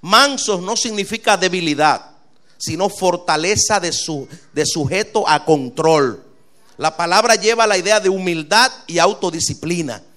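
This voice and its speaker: A male pastor, preaching a sermon with lively, rising delivery and quick asides. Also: high-pitched.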